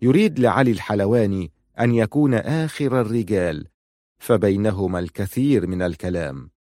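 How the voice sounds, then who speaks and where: A man reading a novel aloud in steady, measured scripted narration. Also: lowish voice, no echo, clean studio sound.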